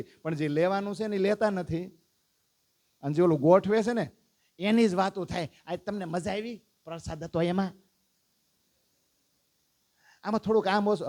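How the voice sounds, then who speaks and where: A man teaches a devotional lesson to a gathered congregation. His voice sits somewhat high, and he talks with lively energy, reeling off lists and pushing his listeners to recite them with him. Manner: lively, calls out lists and prompts the audience to recite. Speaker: religious teacher.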